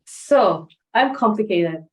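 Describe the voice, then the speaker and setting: A woman's voice: medium pitch, expressive, takes it slowly, poor audio. A woman in her twenties from Iran, chatting casually as a podcast guest and laughing between phrases. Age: 20s.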